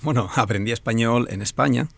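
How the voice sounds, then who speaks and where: His mid-range voice is gravelly and brisk, and the recording has no echo. This man in his forties from Alicante, a native Valencian/Catalan speaker with a Spanish accent from Spain, answers interview questions as a professor, thoughtful and frequently hesitating.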